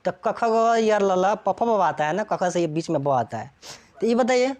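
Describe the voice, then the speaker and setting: A woman's voice: mid-range voice, animated, normal speed, darkish tone. A woman teaching English grammar to a classroom, constantly checking whether students follow.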